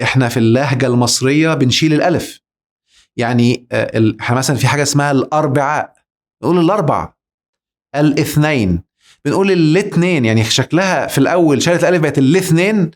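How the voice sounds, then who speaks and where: Egyptian male lecturer, slightly high voice, emphatic and rhetorical. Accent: Egyptian Arabic. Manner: emphatic, rhetorical, addresses the listener directly. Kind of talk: religious lecture.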